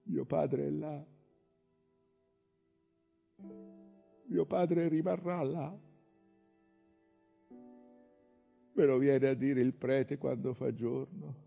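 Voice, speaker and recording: An actor playing an old, weary, obsessed whaling captain in a brooding, halting theatrical monologue that swings between murmurs and impassioned outcries. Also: male voice, mid-range voice, vocal fry, husky, lo-fi sound, full character voice. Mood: brooding, wistful.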